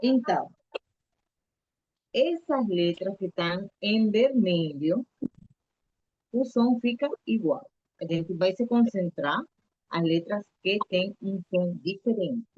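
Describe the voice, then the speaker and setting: A woman's voice: medium pitch, expressive, takes it slowly, pauses often, darkish tone, no room sound, lo-fi sound. A woman teaching a live online Spanish lesson to children, patiently repeating letters and coaxing the kids to answer.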